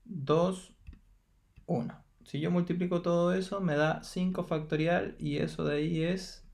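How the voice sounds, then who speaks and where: A man's voice: sits high, fairly even intonation, a little slow, vocal fry, a little mellow. A man teaching a math lesson in Chilean Spanish, patiently counting through each step aloud and checking in with his students. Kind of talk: recorded lesson explaining exercises.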